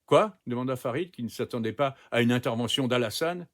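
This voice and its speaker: A man narrates a short story in a calm, even manner. His voice is pitched in a middle range. He moves steadily from sentence to sentence. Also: quick pace. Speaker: reader. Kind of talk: scripted narration.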